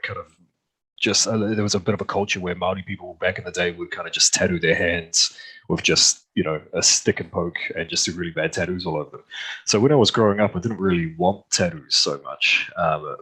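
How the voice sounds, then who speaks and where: A man's voice: deep voice, breathy edge, poor audio. A man with a New Zealand accent, a guest talking easily on a video call with frequent ums. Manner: easygoing, relaxed, with frequent ums. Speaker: guest tattoo artist. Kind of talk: casual video-call interview.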